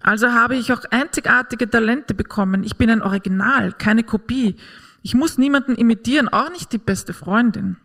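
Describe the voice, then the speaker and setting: A woman's voice: a little high, moderate pace, a bit bright. A woman giving an earnest, encouraging faith-based talk on parenting to an audience.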